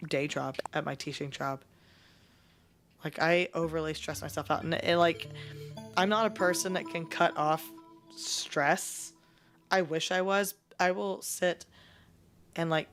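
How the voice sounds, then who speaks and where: A young adult woman streaming from home, chatting candidly with a raspy, sick voice and clearing her throat now and then. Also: low voice. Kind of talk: casual live-stream chat. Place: at home, near bed.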